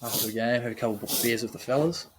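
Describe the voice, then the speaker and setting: A man's voice: mid-range voice, rapid-fire, crowd noise, low-quality recording. A young man with a New Zealand accent, casually bantering as a podcast co-host in an easygoing, agreeable way with plenty of slang. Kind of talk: casual banter between mates.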